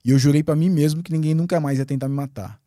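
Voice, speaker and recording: A man from Brazil, a guest on a podcast, telling a story in a lively way. He swears freely and acts out his own past words. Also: fairly high pitch, fast talker, dry recording, studio quality. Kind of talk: animated storytelling in a podcast interview.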